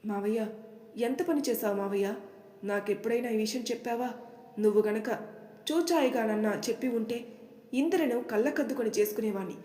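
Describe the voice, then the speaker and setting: A woman's voice: a little high, a little fast, pauses often, warm tone, lightly acted. A woman voicing a young groom, an emotional and devoted nephew, speaking in a pleading, earnest way. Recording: echoey room with long reverb.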